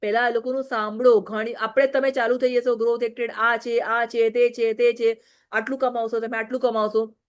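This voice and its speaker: A woman's voice: a little high, level tone, normal speed, smooth, lo-fi sound. A married woman giving a direct, scolding training talk to her business team, often checking "okay?". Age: adult, married.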